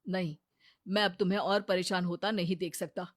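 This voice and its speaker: A woman voicing a protective young husband who firmly refuses to return home, speaking lower and quieter than her usual voice. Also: steady tone, normal speed, no room sound, clean studio sound, close to an everyday voice. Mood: resolute. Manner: firm, resolute refusal.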